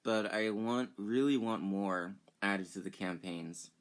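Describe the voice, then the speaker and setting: A young man giving casual commentary as he reacts to a game demo, excitable and breaking into sudden exclamations. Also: lowish voice, slow pace. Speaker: gaming YouTuber reacting to a demo.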